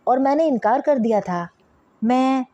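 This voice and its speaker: A woman's voice: high voice, animated, unhurried, warm tone, dry recording, lo-fi sound, pitched above the performer's own voice. A woman reading the part of a young woman who protests, distressed and indignant, against a marriage forced on her. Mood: pleading.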